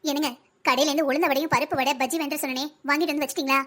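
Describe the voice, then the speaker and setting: A woman's voice: sits high, fairly even intonation, very fast, fairly bright tone. A woman voicing a fussy older wife and grandmother in a family cartoon, pleading and ordering her husband around in a South Tamil Nadu accent. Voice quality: pleading, busy, bossy. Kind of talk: cartoon family comedy acting.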